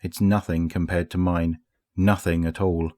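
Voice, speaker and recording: A man's voice: low voice, level tone, measured pace, warm tone, no room sound, clean studio sound. A man reading a guarded, cerebral queen. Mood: troubled. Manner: abstract, guarded speech.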